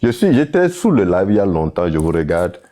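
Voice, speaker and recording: A young Togolese man, a participant and moderator on a live online panel, gives an earnest, casual tribute in a low, dark-toned voice. He's very animated and a little fast, dropping English connecting words into his speech.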